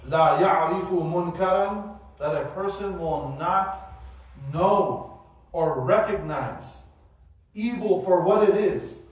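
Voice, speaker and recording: A man in his forties giving an animated sermon-style lecture in a mosque, full of rhetorical questions. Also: sits high, unhurried. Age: 40s. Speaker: mosque teacher giving a weekly study circle. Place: mosque prayer hall. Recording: very echoey hall, voice from far off.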